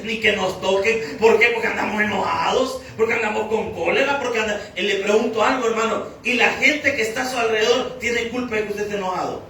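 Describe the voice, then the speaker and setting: A high-voiced man preaches, quizzing his congregation and pressing his points with rising emphasis. His voice is bright and forward, and he sounds distant from the mic. The sound rings around a very reverberant hall. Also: a little hiss or hum. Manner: asks the audience questions, rises to emphatic preaching. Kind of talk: sermon teaching. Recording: very echoey, distant hall recording.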